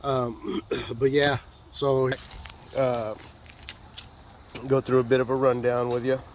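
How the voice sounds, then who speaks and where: A fishing vlogger congested from a sinus infection walks casually through his gear outdoors, rambling in a folksy way with many fillers. His stuffy, mid-range voice moves slowly with little pitch variation, over slight background noise.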